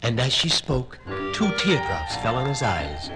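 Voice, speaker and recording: A man narrating a fairy tale on a vintage children's record in an expressive storytelling voice. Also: mid-range voice, a little slow, over loud music, rough recording.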